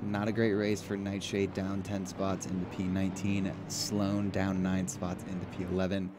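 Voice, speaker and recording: A man's voice: deep voice, completely flat delivery, moderate pace. A man doing casual live play-by-play as a motorsport commentator on sim racing. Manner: casual, bantering. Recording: clear engine noise behind voice. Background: car engine and race ambience.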